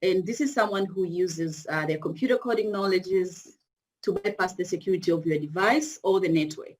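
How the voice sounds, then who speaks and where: A woman's voice: lowish voice, normal speed, breathy edge. A woman with a Tanzanian accent giving an informal online presentation as a guest lecturer. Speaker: guest speaker, university cybersecurity lecturer. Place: video call.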